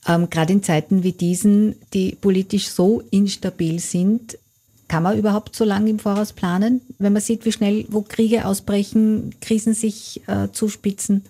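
A woman's voice: mid-range voice, steady tone, normal speed, mellow. A woman interviewing a guest, asking long careful questions attentively.

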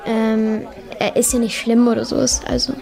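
A woman's voice: a little high, little pitch movement, moderate pace, creaky, mellow, a faint crowd. A girl playing a slangy schoolboy. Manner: casual slangy schoolkid talk. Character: teenage schoolboy Peter, first mean then kind. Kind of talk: amateur school drama.

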